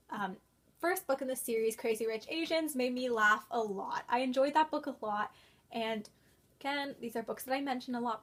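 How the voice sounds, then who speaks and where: Young female book vlogger, gushing, chatty, slightly high voice. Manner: gushing, excitable, quick to exclaim. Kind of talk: casual book review vlog.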